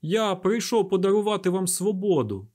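A man reading an audiobook, voicing a desperate, fervent young male outsider who shouts and pleads. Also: high-pitched, big pitch swings, a little fast, pitched above the performer's own voice. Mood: impassioned shouting. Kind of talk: audiobook character voice.

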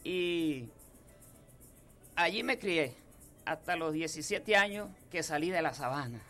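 Slow and expressive, a fairly high-pitched man's voice comes across pushed and bright over faint background music. He's a singer-songwriter in his thirties from Apure, Venezuela, speaking with a llanero accent and telling folksy stories in a relaxed radio booth interview.

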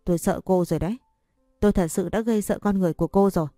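A woman's voice: mid-range voice, very fast, mellow, dry recording, studio quality, soft background music, natural voice. A woman voicing a stern, scornful older mother-in-law who scolds and demands in a storybook reading. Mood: angry.

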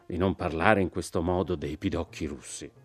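A man voicing a polite, earnest American general in an audiobook, speaking mildly and measured. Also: low-pitched, fairly even intonation, faint music behind.

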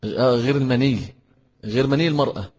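A man with an Egyptian Arabic accent gives a religious lesson, his voice very breathy and airy. He explains step by step and repeats key phrases for emphasis. The sound carries a long reverb, as if recorded in a large hall. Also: medium pitch, fast, a little mellow, muffled recording. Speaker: Islamic teacher. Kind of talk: religious lesson with answers to questions.

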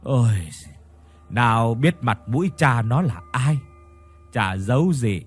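A man's voice: mid-range voice, lively intonation, takes it slowly, slightly rough, soft background music. A man voicing a grieving old village grandmother in a spoken ghost story, staying close to his own reading voice. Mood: sorrowful.

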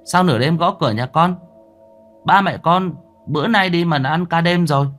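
A man voicing a rude, cheeky village boy in a spoken horror story, with a high, whiny, loud voice. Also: normal speed, soft background music, lightly acted. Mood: irritated.

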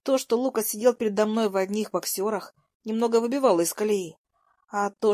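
A young woman narrating a first-person story in a soft, even voice at a middle pitch. The recording is dry and close, with no room sound. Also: no room sound.

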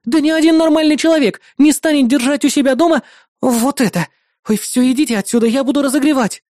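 A brash, nagging neighbor woman whose pitched-up voice snaps out sarcastic scoldings, as a woman reader puts her on. The tone stays mellow and the room is dry and close. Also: fast talker, no room sound, lightly acted. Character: brash bossy middle-aged female neighbor. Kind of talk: audiobook character voice.

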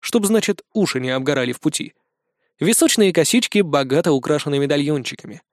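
A man's voice: fairly high pitch, expressive, quick pace, dry recording, studio quality. A man narrating an audiobook in a wry storytelling manner. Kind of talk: scripted narration.

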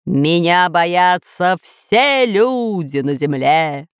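Reading extremely slowly, a woman gives voice to a pompous, threatening male scientist, a boastful villain who commands dinosaurs, as storybook narration. Her pitch sits on the low side, her delivery is expressive and her tone clean. The sound is dry, with studio quality.

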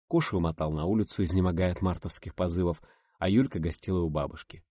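Deep-voiced male audiobook narrator. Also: mellow, husky, dry recording, studio quality. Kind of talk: first-person audiobook narration.

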